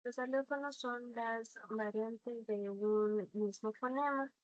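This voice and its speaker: A woman's voice: fairly high pitch, fairly even intonation, takes it slowly, dry recording, highs cut off. A woman student giving a class presentation, speaking hesitantly with fillers.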